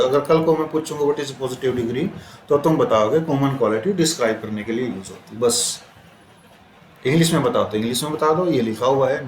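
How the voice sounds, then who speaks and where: A male teacher gives a classroom grammar lesson at an ordinary pitch. He sounds out words bit by bit and repeats them, checking with questions that the students follow. The voice carries around a roomy classroom over a faint background hiss. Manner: repeats and drills words slowly, quizzing students. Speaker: English teacher.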